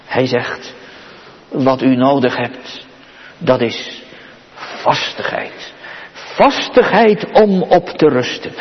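A man preaching a sermon solemnly, swelling into exclamations and dropping to near-whispers. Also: fairly high pitch. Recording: dull sound, long reverb of a large church.

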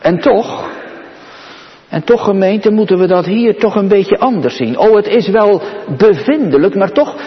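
A male pastor preaching a sermon in a slow, solemn way, lifting his voice sharply on questions. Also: sits high, animated. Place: church. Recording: muffled, with long church reverb.

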